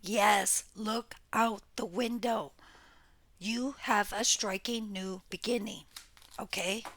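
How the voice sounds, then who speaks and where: A woman's voice: medium pitch, fairly even intonation, slow, a bit bright. A woman doing a casual tarot reading for her viewers, blunt and exclaiming, with the odd curse. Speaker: tarot reader. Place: home room near a window.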